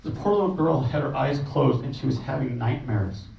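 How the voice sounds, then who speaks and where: Man, relief volunteer, emotional halting storyteller, muffled distant room recording. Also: mid-range voice, vocal fry. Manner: halting, with many restarts. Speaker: relief volunteer recounting a trip. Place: meeting room. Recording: roomy, distant, muffled, faint noise.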